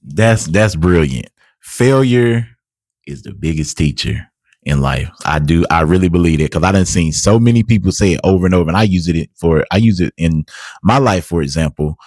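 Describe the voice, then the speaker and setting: A man's voice: deep voice, lively intonation, normal speed, darkish tone, no room sound. A man who hosts the interview, encouraging his guest and adding motivational asides. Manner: encouraging, many affirming murmurs, motivational asides. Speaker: interview host. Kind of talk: casual interview hosting.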